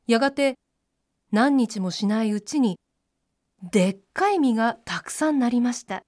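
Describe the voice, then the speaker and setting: A woman narrating children's storybooks in a gentle, clear read-aloud manner. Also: on the high side, lively intonation, moderate pace, no echo, studio quality.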